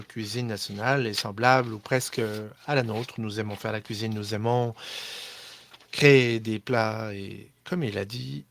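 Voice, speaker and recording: A man's voice: mid-range voice, fairly bright tone, slight background noise. A man from Morocco, a chocolatier guest, introducing himself in a chatty way with many restarts. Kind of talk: casual self-introduction.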